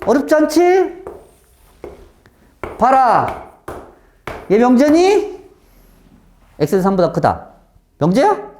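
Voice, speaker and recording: Math teacher, male, classroom lecture; animated pitch, keeps quizzing students. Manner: lively, questioning, keeps checking understanding.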